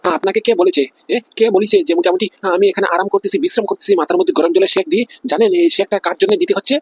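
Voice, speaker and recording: In a cartoon comedy, a man voices a panicky, feverish policeman who takes bribes, whining and flustered as he keeps asking "understand?". His voice is high-pitched and steady in tone, very fast, with a breathy edge. The recording is dry.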